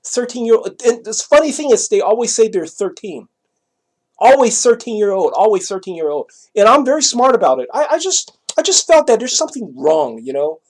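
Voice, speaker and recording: Big pitch swings mark the high voice of a middle-aged Taiwanese man telling a personal story with a Taiwanese accent. His casual account is rambling, halting and repetitive, and he frequently makes sure the listener is following.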